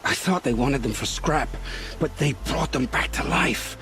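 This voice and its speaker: An expressive, slightly bright medium-pitched male voice brings to life a frightened, world-weary scrounger turned informant in a game drama. Sounding weary and regretful, he speaks in hesitant, grim, folksy storytelling lines.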